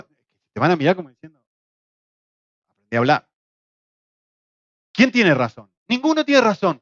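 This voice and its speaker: A middle-aged Argentine man with a fairly high voice teaches a church Bible class, quick to fire off rhetorical questions and throw in a joke. He speaks with an Argentine Spanish accent. The recording is dull and lo-fi, with a dry, close sound. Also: no echo. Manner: lively, asks rhetorical questions, jokes.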